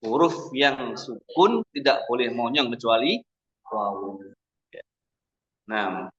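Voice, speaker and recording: A man teaching Quran recitation, slowly demonstrating each sound with drawn-out chanting. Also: medium pitch, expressive, fairly bright tone. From Indonesia. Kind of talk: tajwid lesson with demonstrations. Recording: dull lo-fi recording.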